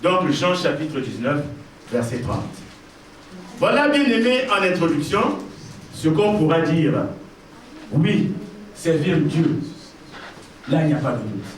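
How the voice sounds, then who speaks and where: A man's voice: on the high side, sing-song, takes it slowly, long pauses. A man preaching a sermon as pastor, emphatic and repeating his key phrases while addressing the congregation directly. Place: church hall. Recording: very echoey church, mic far off, faint noise.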